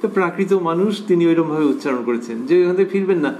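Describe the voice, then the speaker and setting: A man's voice: fairly high pitch, expressive, a little mellow, slight background noise. Reflective man giving a devotional talk. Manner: measured and reflective, repeating key phrases; pauses with drawn-out fillers. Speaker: scripture lecturer. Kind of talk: devotional discourse on scripture.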